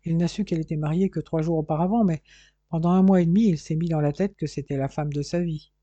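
A man's voice: fairly high pitch, fairly even intonation, quick pace, warm tone, no room sound, muffled recording, lightly acted. A man voicing a blunt, practical young brother who scolds and worries. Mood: worried.

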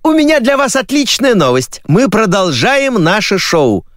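A man's voice: high voice, sing-song, unhurried, fairly bright tone, no echo, studio quality, voice pushed up, heavily acted. A man voicing a pushy young woman from a TV show who shrieks down the phone. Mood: shrill, insistent. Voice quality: shrieking, insistent.

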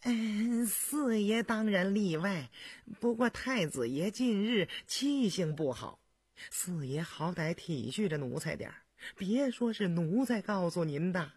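A timid palace eunuch, as a man voices him in an audiobook, fawns and pleads in a raised, slow, drawn-out voice. His husky tone wavers with lively swings of pitch. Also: dry recording, exaggerated voice. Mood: fawning. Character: timid fawning male palace eunuch servant. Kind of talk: audiobook character voice.

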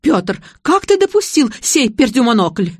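A woman's voice: medium pitch, big pitch swings, slow, darkish tone, no echo, studio quality. A woman reading an audiobook voices a haughty elderly bride who speaks in a stately, imperious way. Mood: shrieking. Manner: stately, imperious, hissing when cross.

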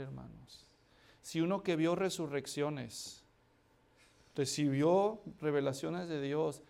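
A man's voice: fairly high pitch, a little mellow. A male pastor delivering a dramatic sermon, acting out scripture and firing rhetorical questions at the congregation.

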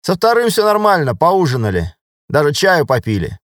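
A man's voice: a little high, huge pitch swings, normal speed, a bit bright, no room sound, studio quality, voice pushed up. A male audiobook reader voicing an easygoing army sergeant who speaks plainly.

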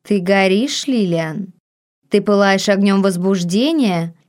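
A seductive, possessive man speaks in a low, husky voice, as a woman reading an audiobook puts him on. He talks slowly and quietly, drawing out each phrase. It sounds like a storybook romance. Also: natural voice. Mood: commanding. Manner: slow, hushed, drawn-out speech.

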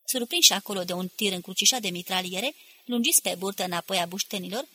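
A woman's voice: medium pitch, sharp tone, breathy edge, no room sound. A woman reading a literary novel aloud as an audiobook narrator, with an intense, dramatic delivery.

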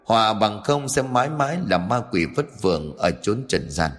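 A man's voice: fairly low pitch, very animated, normal speed, long reverb tail. A man voicing a solemn old grandfather. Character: elderly grandfather giving solemn instructions.

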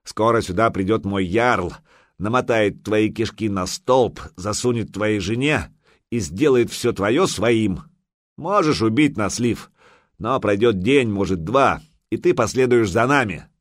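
A man reading an audiobook voices a huge male viking warrior who scoffs and boasts loudly. The sound is dry and close. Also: fairly low pitch, unhurried, no room sound, lightly acted. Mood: defiant.

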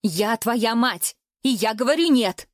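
A woman's voice: a little high, animated, measured pace, dry recording, studio quality. A woman voicing an anxious, overprotective middle-aged mother who scolds her daughter in an audiobook. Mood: scolding.

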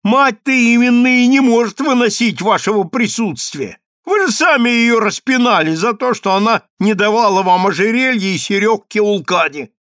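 A cheeky young boy mocks his sisters with unshaken calm, played by a male reader. His voice is pitched high and bright above the reader's own, in a dry, close audiobook sound. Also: moderate pace, hardly any pauses, no echo. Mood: mocking. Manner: mocking and calm.

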